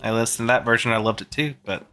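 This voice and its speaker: Bright-voiced easygoing man. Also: mid-range voice, steady tone, fast talker, soft background music. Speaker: guest podcast co-host. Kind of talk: casual chat.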